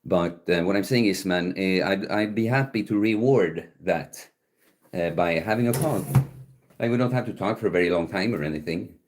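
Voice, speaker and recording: A man's voice: deep voice, normal speed. A man, hosting a livestream and chatting casually as he muses aloud and answers viewer comments. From Sweden. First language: Swedish. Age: 30s. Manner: musing, chatty, answers chat questions aloud. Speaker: livestream host.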